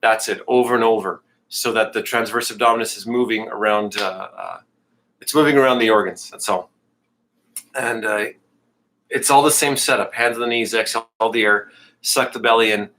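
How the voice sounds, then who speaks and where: A man's voice: lowish voice, steady tone, moderate pace, pushed and bright, slight background noise. A man teaching a live yoga class, talking students through breathing cues in a casual, joking way and a bit out of breath. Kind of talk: live online class instruction.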